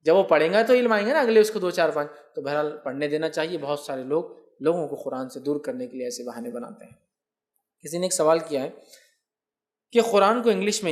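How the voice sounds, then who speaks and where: A man, an Islamic scholar answering viewer questions in a religious lecture, explaining patiently and often checking that listeners follow. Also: a little high.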